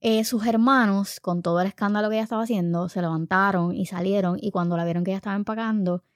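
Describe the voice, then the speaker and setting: A woman's voice: medium pitch, steady tone, quick pace, no room sound, clean studio sound. A woman. She tells a family story casually from her living room and acts out the people she quotes. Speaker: mother telling a family story. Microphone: home recording set.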